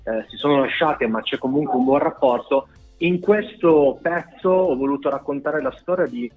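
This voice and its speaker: Male singer guest calling in by phone, tinny and narrow line, hesitant delivery, faint music behind. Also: mid-range voice. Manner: halting, many fillers, keeps stressing he's being honest. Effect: heard over a phone line. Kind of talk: casual radio interview.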